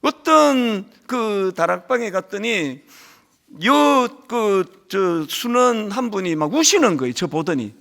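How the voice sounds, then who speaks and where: A man's voice: high voice, very animated, takes it slowly, gravelly, a bit bright. A man preaching a sermon as a pastor, telling stories and acting out the voices of his church members. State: lingering cold.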